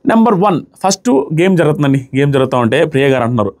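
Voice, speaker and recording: Fast, high-voiced man. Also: lively intonation, a little mellow. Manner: sarcastic, acts out what people said. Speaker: show reviewer. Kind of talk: casual commentary review.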